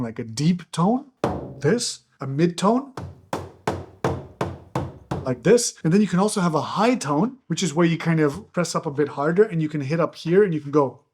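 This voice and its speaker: A young man from Ireland raised in Belgium, enthusiastically teaching electronic music in a casual video lesson while demonstrating a hand drum. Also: on the high side. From born in Ireland, raised in Belgium. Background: hand drum hits.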